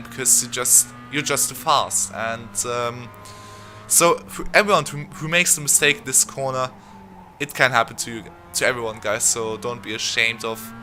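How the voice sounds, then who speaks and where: A young man, not a native English speaker, giving fast, rambling commentary over his own racing game footage. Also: medium pitch, sharp tone. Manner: fast, rambling, chatty with many fillers. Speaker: sim racing channel host.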